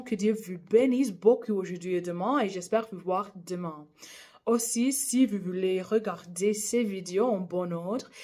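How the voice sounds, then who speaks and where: A woman whose first language is English, reading scripture aloud in French with an English accent. She reads carefully and at a measured pace, with small stumbles along the way. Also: medium pitch, a little mellow. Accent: English-speaking accent in French. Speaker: Bible reader, channel host.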